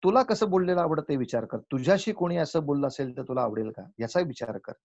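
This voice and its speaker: Husky man lecturing with told stories. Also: a little high, animated, a little mellow, muffled recording. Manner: acts out village characters in a folk tale, chants verses slowly. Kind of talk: spiritual lecture with storytelling.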